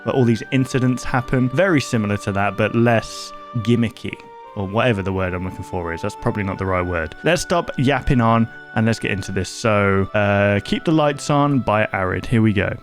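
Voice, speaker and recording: A man's voice: on the low side, fairly quick, music in the background. Chatty man hosting a reaction video. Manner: chatty, rambling, self-interrupting. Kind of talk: casual reaction commentary.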